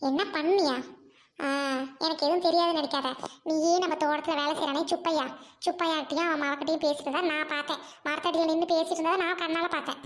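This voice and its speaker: A woman's voice: high voice, steady tone, fast talker, lightly acted. A woman playing a fierce, defiant village wife. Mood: angry. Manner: scolding, accusing, sharp retorts. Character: fierce village wife defying her scheming husband. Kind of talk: amateur family drama acting.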